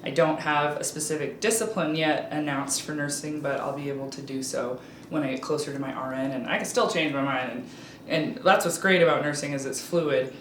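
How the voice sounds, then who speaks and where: In a casual interview, a woman in her thirties from Alaska talks candidly as a guest, often saying "um" and restarting her thoughts. Her voice is low and steady, and she speaks briskly with few pauses. The recording has a roomy echo, slight background noise and a faint ambient backdrop.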